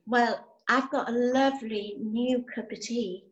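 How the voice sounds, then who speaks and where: Woman, bright high voice, co-host making dry asides, relaxed chat. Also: unhurried, highs cut off. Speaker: advice podcast co-host. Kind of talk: casual chat.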